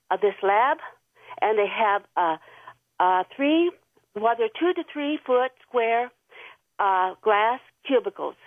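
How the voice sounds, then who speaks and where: A woman's voice: fairly high pitch, no room sound. A woman calling in to a radio show over the phone, telling a rambling story in a nervous, earnest way. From Tennessee. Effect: phone line. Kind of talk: call-in radio chat. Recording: tinny phone line.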